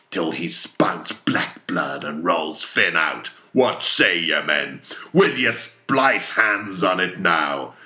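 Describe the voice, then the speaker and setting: A man's voice: a bass voice, creaky, sharp tone, pitched below the performer's own voice, full character voice. A man voicing an obsessed, vengeful old sea captain with fierce, brooding archaic oratory, as in a storybook reading.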